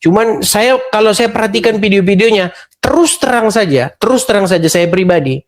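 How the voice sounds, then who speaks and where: Measured skeptical man. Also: sits high. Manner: measured, skeptical, repeats himself for emphasis. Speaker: host. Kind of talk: conversational interview.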